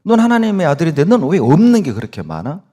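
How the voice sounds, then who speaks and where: A man's voice: a little high, wildly swooping pitch, fast talker, mellow, pitched above the performer's own voice. A mocking, needling devil, as a male preacher puts him on. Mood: taunting. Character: taunting, accusing male devil whispering doubts.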